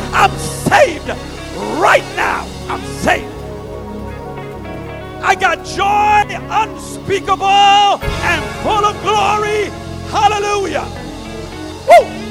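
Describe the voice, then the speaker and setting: A middle-aged man preaching a fervent sermon in a church, shouting and calling out hallelujah again and again. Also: extremely high pitch, takes it slowly. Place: church sanctuary. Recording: long church reverb with faint music.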